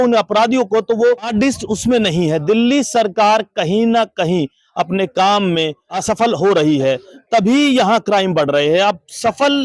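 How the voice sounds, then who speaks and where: A man's voice: high voice, no room sound. A man reporting from a crowded street as a local news reporter, making urgent, dramatic appeals to viewers.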